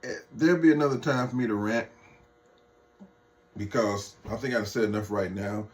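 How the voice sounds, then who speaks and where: A political vlogger with a fairly low voice speaks at normal speed in an off-the-cuff rant. He's heated, mocking and profane, talking straight to his viewers and calling them folks.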